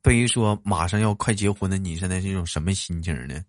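A man's voice: sits low, fast talker, no room sound, studio quality. A man hosting a livestream chat, teasing and joking in a Northeastern Mandarin accent. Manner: teasing, jokey, stresses words. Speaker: livestream host.

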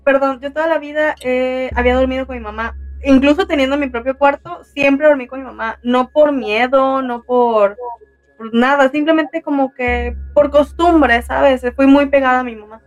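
A woman's voice: sits high, normal speed. A woman telling a personal story in casual chat, rambling and full of fillers. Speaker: guest telling a paranormal story.

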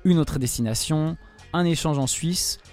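A man's voice: fairly high pitch, measured pace, darkish tone. Brief: male columnist, joking scripted read, faint music under. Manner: wry, jokey delivery. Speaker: student radio columnist.

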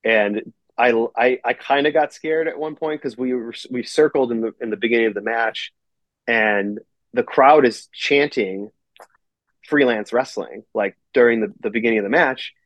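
A man's voice: medium pitch, moderate pace, fairly bright tone, dry recording. A man who is a pro wrestler and company owner, a guest on a casual podcast, talking in a rambling, profane way and using "like" constantly. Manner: rambling and profane, heavy on filler "like". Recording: dry, slightly muffled recording.

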